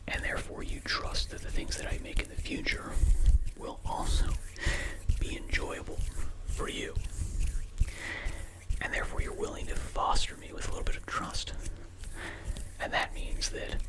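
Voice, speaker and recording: An ASMR creator whispering quickly in a candid, reflective ramble, entirely without voicing. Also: rough recording. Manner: fast, unvoiced whispering throughout.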